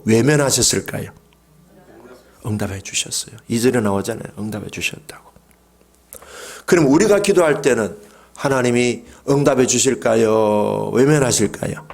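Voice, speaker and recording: A middle-aged pastor with a medium-pitched voice and some vocal fry delivers a Sunday sermon. He shifts from calm speech into loud, impassioned cries and leads his congregation in call-and-response.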